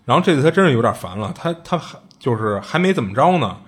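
A man with a husky, slightly breathy voice tells a spooky anecdote in a relaxed, conversational way. He talks in a chatty, colloquial manner, doubling back on his words as he goes. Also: medium pitch, quick pace. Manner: chatty, colloquial, with frequent restarts and asides. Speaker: storyteller. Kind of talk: casual retelling of strange tales.

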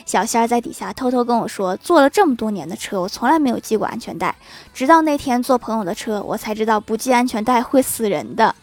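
A woman's voice: fairly high pitch, animated, fast, no echo. Dry-voiced woman telling jokes. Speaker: narrator of funny anecdotes. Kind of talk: reading funny anecdotes aloud.

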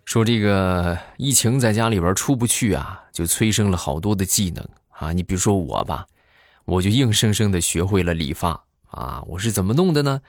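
A man delivers a stand-up comedy monologue in a low voice that swings lively up and down. He tells his stories with jokey asides and rhetorical questions. The sound is dry and close. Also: moderate pace, dry recording.

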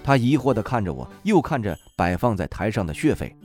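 A man narrating a novel in the first person, wry and expressive. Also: fairly low pitch, brisk, faint music behind. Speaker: audiobook narrator.

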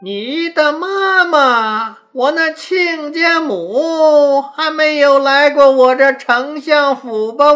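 A woman's voice: high voice, sharp tone, pitched above the performer's own voice, full character voice. A woman doing a sly old scheming chancellor. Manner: slow, drawn-out, coaxing.

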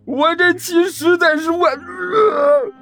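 A man voicing a frightened, whiny young male apprentice who pleads in a shrill, panicky voice in an audiobook. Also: lively intonation, normal speed, darkish tone, soft background music. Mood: panicked. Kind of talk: audiobook character voice.

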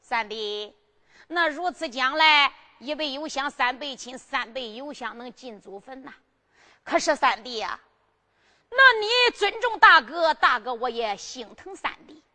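A woman's voice: sits high, lively intonation, measured pace, sharp tone, long reverb tail, exaggerated voice. A woman playing an emperor who coaxes and persuades his hot-tempered sworn brother in a storytelling performance. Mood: coaxing. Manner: coaxing, persuasive, pleading. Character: scheming, coaxing male emperor, older sworn brother.

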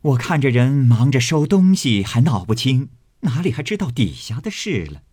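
A man reading as a quick-tongued teasing noblewoman. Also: mid-range voice, big pitch swings, mellow, slightly rough, no echo, clean studio sound. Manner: playful, mock-solemn storytelling. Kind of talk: audiobook reading of a classic novel.

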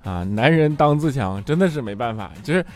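A comedian host performs a stand-up monologue, telling chatty stories and repeatedly asking the audience "right?" His medium-pitched voice is expressive, fairly quick and a little mellow. Soft music plays in the background.

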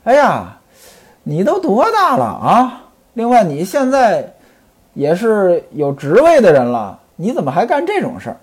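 A man's voice: high voice, wildly swooping pitch, measured pace, husky. A man telling a classical novel as a storyteller, chatty, with explaining asides.

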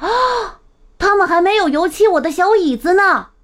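A woman puts on a small jealous boy from a children's storybook, his high voice whiny and pouting, leaping up and down in pitch. He sulks and then bursts out loud. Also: expressive, a little slow. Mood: excited. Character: little boy, jealous of new baby sister.

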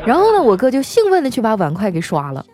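Lively chatty woman telling comic stories. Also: on the high side, fast, a crowd in the background. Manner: chatty, teasing, laughs often. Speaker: radio-style host. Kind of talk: comic storytelling monologue.

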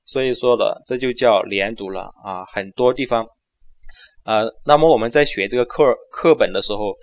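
A man whose first language is Chinese, teaching English pronunciation and slowing down to repeat phrases for learners. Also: fairly low pitch, dull audio. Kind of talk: pronunciation lesson.

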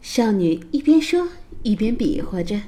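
A woman narrating a children's fairy tale in a slow, expressive storytelling voice. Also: medium pitch.

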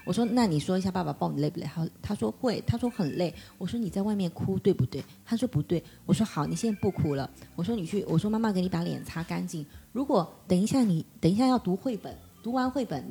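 快语速的女声，生动讲述家常. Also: female voice, lowish voice, gravelly, slight background noise. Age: 30s. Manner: animated storyteller acting out quoted dialogue. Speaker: podcast guest. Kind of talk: casual chat.

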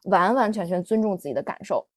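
A woman's voice: mid-range voice, fast, no room sound. A woman podcast host sharing a personal story on a livestream, candid and full of fillers. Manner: animated, confessional, many fillers.

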